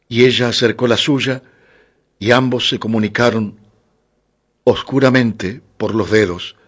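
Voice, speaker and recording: Calm male audiobook narrator. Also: fairly low pitch. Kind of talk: scripted literary narration.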